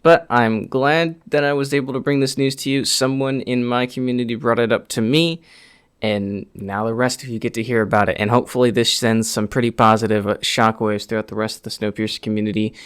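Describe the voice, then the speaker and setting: A man's voice: mid-range voice, brisk, clean tone. A man giving an unscripted, conversational news update as a video host, rambling a little, his speech slightly slurred and stiff-mouthed after dental surgery.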